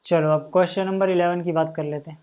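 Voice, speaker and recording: A man teaching a maths lesson, talking casually to students and repeating each step slowly as he writes. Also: fairly high pitch, fairly even intonation, a little mellow. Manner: casual, addresses students as bhai and yaar, repeats steps slowly while writing.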